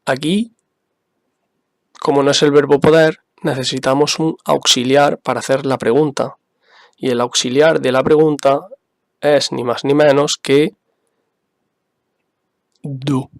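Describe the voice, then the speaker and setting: Slow, patient male English teacher. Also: mid-range voice, fairly even intonation, vocal fry, dry recording, studio quality. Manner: patient, spells out examples and repeats them. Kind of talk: slow, careful explanation for beginners.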